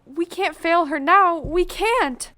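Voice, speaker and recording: A woman's voice: very high-pitched, slow pace, sharp tone, full character voice. A teenage girl playing an eager, loyal scarecrow in a stage play, urgent and rallying. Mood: determined. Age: teens. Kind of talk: high school stage play acting.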